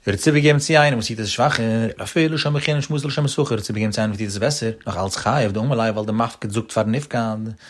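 A man giving a religious law lesson, explaining rapidly and emphatically with sudden jumps in pitch.

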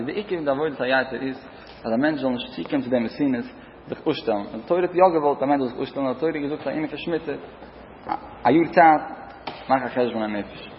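A man preaching a sermon full of parables, building his points from short, repeated phrases that swell and then fall back. His voice sits in a middle register and carries a long reverb from a large hall. The recording is muffled, with a faint hiss of noise underneath. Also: medium pitch. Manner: short repeated phrases, rising and dropping in loudness.

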